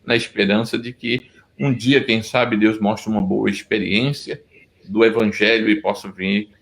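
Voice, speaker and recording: His voice low-ish and gravelly, with a level tone and a slightly slow pace, the middle-aged Pernambuco pastor recounts his story earnestly for an interview. He keeps restarting sentences, and the recording is low quality.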